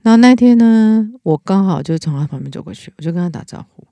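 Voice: mid-range voice, animated, quick pace, warm tone, no room sound. 一位带台湾口音的老师，在闲聊中恳切地讲自己的经历，常常停顿重说。. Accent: Taiwanese Mandarin. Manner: earnest, with frequent restarts. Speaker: teacher, podcast co-host. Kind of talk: casual chat, personal story.

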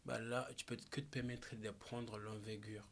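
A man from Malawi talking slowly and thoughtfully as a podcast guest, with searching pauses and restarts. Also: on the low side, flat delivery, fairly bright tone. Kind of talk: reflective conversation.

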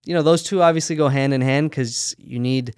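A man who runs a sock company, talking through his business in a relaxed, practical way during an interview. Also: medium pitch, brisk, clear, resonant tone, no room sound, clean studio sound. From United States. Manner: relaxed, practical, talks in run-on explanations. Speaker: sock company owner, guest. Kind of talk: casual interview conversation.

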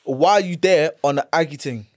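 London roadman, higher-pitched and slangy. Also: a little fast, dry recording, clean studio sound. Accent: London, urban roadman slang. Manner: slangy, emphatic, repeats phrases for effect. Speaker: podcast co-host. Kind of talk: casual banter.

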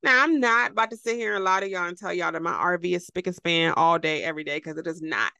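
A woman's voice: fairly low pitch, vocal fry, bright, forceful tone, no room sound, clean studio sound. A woman hosting a podcast, giving an emphatic, preachy motivational talk straight to her listeners, repeating phrases for effect and laughing often. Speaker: podcast host.

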